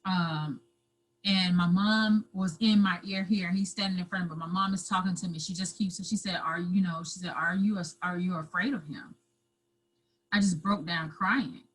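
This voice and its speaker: Husky-voiced woman telling a painful story. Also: lowish voice, fairly even intonation, poor audio. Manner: halting, repeats words, breaks into tears. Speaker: interview guest. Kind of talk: emotional personal storytelling.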